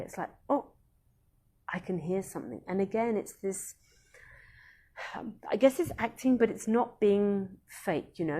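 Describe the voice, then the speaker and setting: A woman who is a Montessori educator, hosting a casual live-stream talk in an unhurried, earnest way with many pauses and ums. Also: medium pitch, dark tone.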